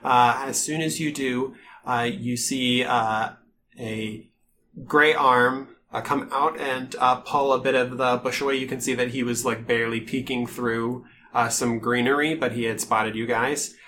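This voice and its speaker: Male game master, bright-edged voice, improvised narration in halting fragments, noticeable background noise. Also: medium pitch, fairly even intonation. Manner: halting, pieces scenes together in short phrases.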